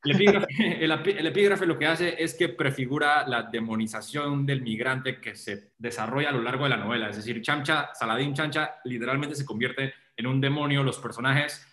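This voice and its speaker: A man's voice: medium pitch, normal speed, a bit bright. A man giving an articulate, analytical take on a novel in a casual book discussion. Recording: echoey room.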